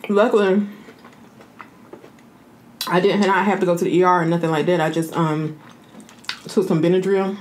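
An American woman in her thirties chatting casually as a mukbang host, talking while eating and pausing to chew. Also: on the low side, fairly even intonation, a little hiss or hum. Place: indoor room.

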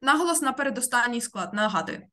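A woman teaching an online language class, explaining slowly and carefully, word by word, over a computer mic. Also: fairly high pitch, lively intonation, bright, forceful tone. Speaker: Spanish teacher.

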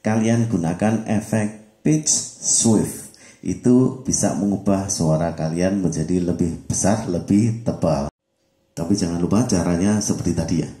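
A man's voice: sits low, unhurried, dark tone, echoey room. A man giving a hands-on audio mixer tutorial, explaining methodically and counting off mic tests. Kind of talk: hands-on equipment demonstration.

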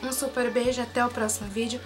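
A woman's voice: on the high side, little pitch movement, quick pace. A young Brazilian woman with a Brazilian Portuguese accent, chatting casually about her pharmacy haul and reading product labels aloud, in a small room on a camera mic. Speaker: beauty vlogger. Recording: background music throughout.

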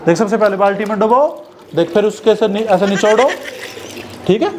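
A man's voice: high-pitched, moderate pace, noisy background. A man playing an angry boss in a staged office prank, scolding and threatening in a bossy way.

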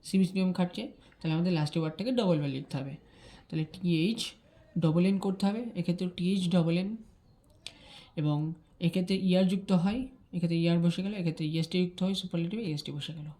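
A woman teaching English grammar, explaining rules quickly and repeating key terms to check that students follow. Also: fairly low pitch, warm tone.

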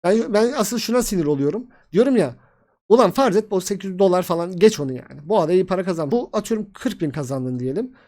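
A man's voice: high-pitched, expressive, fast, a little mellow. A young man, sick and tired, telling in a rambling, repetitive and frustrated way how he lost his crypto tokens. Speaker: crypto vlogger. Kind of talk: casual screen-share vlog.

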